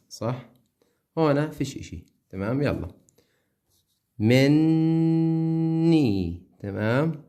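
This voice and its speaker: A man's voice: lowish voice, mellow. A man with a Levantine Arabic accent teaching a lesson, chanting syllables one by one and constantly checking that his students follow. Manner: keeps checking understanding with quick questions.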